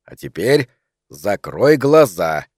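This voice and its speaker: A smug, stingy middle-aged husband, as a male reader plays him, talking down in a low, self-satisfied voice. The recording is close and dry. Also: very animated, slow pace, a little mellow, no echo, full character voice. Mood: hushed teasing.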